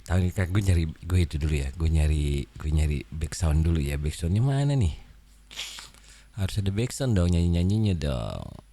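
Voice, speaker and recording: A man's voice: deep voice, animated, normal speed, warm tone. A man chatting casually to camera, rambling in slang and bantering with a child nearby. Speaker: content creator.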